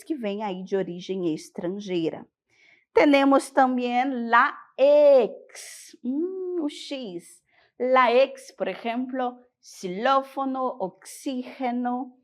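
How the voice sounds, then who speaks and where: Brief: Brazilian woman teacher, slightly high voice, slow and patient, checks in with the class. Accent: Brazilian Portuguese. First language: Portuguese. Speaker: Spanish teacher. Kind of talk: classroom lesson.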